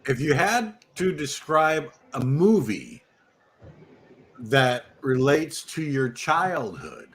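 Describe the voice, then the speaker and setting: A man's voice: medium pitch, big pitch swings, takes it slowly, a little hiss or hum. A man on a casual live panel, prodding with questions and interrupting to ask again. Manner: probing questioner, interrupts with "hold on".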